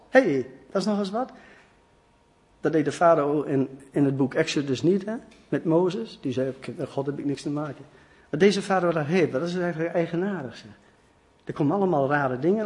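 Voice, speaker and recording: A man preaching a sermon, telling stories and acting out the voices of the people in them. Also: high voice. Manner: storytelling, acts out quoted voices, lively.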